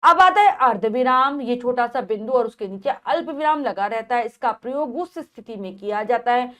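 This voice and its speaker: A woman's voice: fairly high pitch, animated, normal speed, a bit bright. A woman teacher explaining a grammar lesson to children, patiently repeating and rephrasing each point.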